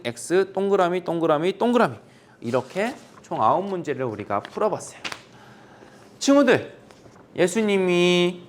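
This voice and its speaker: A cheerful man goes over a children's Bible quiz, reading out each answer. His fairly high voice moves around a lot as he talks to the kids. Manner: cheerful, speaks warmly to the children. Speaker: children's ministry teacher. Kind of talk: children's worship quiz review.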